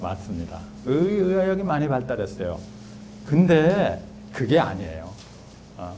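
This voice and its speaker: A man's voice: medium pitch, very animated, measured pace, dark tone. A man in his sixties giving a public lecture in a small hall, chatting and asking the audience questions. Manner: conversational, asks the audience questions. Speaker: guest lecturer. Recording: lecture hall with background noise.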